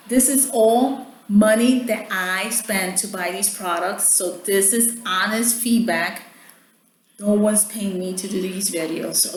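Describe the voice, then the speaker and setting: A beauty vlogger whose first language is Spanish chats casually with viewers about products she bought, constantly checking in with "okay?". Her voice is medium in pitch. The room is echoey and carries a faint hum in the background.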